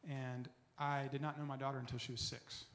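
A man in his forties giving an earnest personal recovery testimony, often dropping soft and low as he tells his story. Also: level tone, a little fast.

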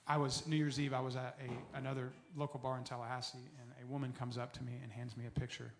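Guy in his 40s telling his testimony, earnest, mid pitch, gets quiet and low on the hard bits. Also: little pitch movement, quick pace, a little hiss or hum. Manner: earnest storytelling, often dropping soft and low. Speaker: recovery testimony speaker. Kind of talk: personal testimony talk.

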